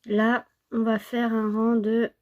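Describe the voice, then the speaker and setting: Slow, mellow woman, slightly sick. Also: a little high, completely flat delivery. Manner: unhurried, counting and repeating steps. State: slightly sick, under the weather with a cough. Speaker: knitting tutorial host. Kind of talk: informal step-by-step craft tutorial.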